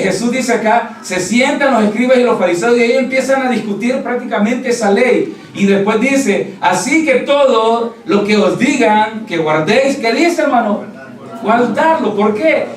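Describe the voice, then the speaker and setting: A man preaching a sermon, asking the congregation rhetorical questions and calling them brother. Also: sits high. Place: church hall. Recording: roomy church recording from a distance.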